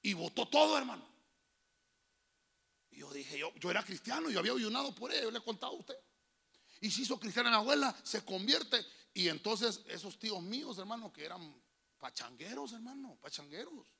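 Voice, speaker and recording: A man preaching as a pastor with a Honduran accent, telling folksy family stories and calling the listener "hermano", building to shouted preaching. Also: high voice, big pitch swings, brisk, gravelly, slightly rough. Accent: Honduran Spanish. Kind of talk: sermon with personal anecdotes. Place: church.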